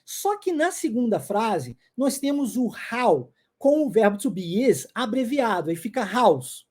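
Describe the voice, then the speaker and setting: This man in his forties, an English teacher who founded a language school, has a Brazilian Portuguese accent and drills English phrases by repetition in an emphatic, insistent video lesson. He speaks at a measured pace in an extremely high, sing-song voice that is husky and darkish.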